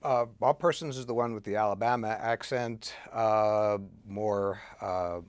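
A man giving a detailed, deliberate explanation as an interview guest, often pausing and restarting. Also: on the low side, steady tone, clean tone, dry recording.

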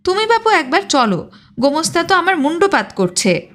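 A woman voicing a gruff village rent collector's man who blusters and pleads by turns in a storybook reading. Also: very high voice, big pitch swings, normal speed, fairly bright tone, pitched above the performer's own voice, full character voice. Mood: blustering.

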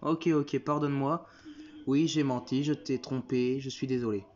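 A man's voice: mid-range voice, steady tone, moderate pace, darkish tone, highs cut off, slight background noise, lightly acted. Man doing a whiny dim-witted dad. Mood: apologetic. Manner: pleading, whiny. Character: sheepish dim-witted middle-aged father.

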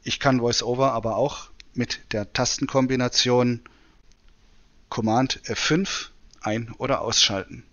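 A man presenting a software demonstration in tutorial narration. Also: mid-range voice, fairly even intonation, a little slow, dull audio. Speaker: presenter demonstrating screen reader.

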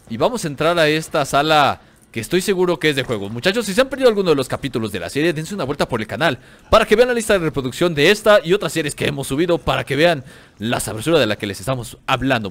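A man with a Mexican accent giving excited, slangy commentary over his gameplay, joking, cursing playfully and talking straight to his viewers. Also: fairly high pitch, fast talker. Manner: excitable, slangy, jokes and teases the enemies, talks straight to viewers. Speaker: gaming channel host. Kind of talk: let's play gameplay commentary.

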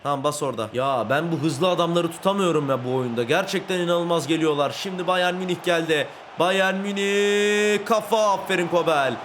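A man with a high voice calls his football video game live, from a room at home late at night. He yells at and scolds his players when they mess up, then sinks into muttering. A faint background hiss sits under his voice. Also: fast talker, hardly any pauses. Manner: shouts and scolds players, swings between yelling and muttering. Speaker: gaming YouTuber.

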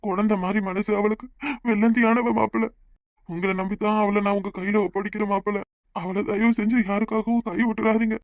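A man's voice: high voice, little pitch movement, brisk, no echo. A man voicing an ailing elderly father in a cartoon, pleading weakly. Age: older. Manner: pleading, weak. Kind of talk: cartoon voice acting.

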